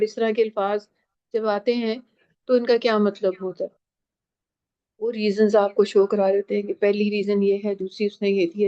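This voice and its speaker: Slow-paced woman teaching online. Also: fairly high pitch, a little mellow. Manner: slow, mixes English and Urdu, explains step by step. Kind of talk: online class lecture. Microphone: video call. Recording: dull lo-fi video call audio.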